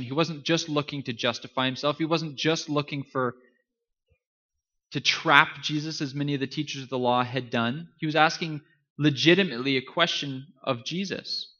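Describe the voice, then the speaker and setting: An earnest male pastor preaching with emphatic, forceful delivery and a fairly high voice. He leans into key phrases and lets dramatic pauses land. The recording sounds slightly muffled. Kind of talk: sermon.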